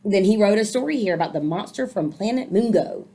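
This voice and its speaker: This woman reads to children at a slightly quick pace, her medium-pitched voice expressive, mellow and a bit rough. It's a storybook read-aloud, punctuated with encouraging explanations.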